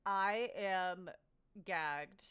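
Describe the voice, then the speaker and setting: A woman's voice: fairly low pitch, very slow, fairly bright tone, clear, resonant tone. A young woman casually narrating her gameplay, bubbly, chatty and easily delighted. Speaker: let's play host.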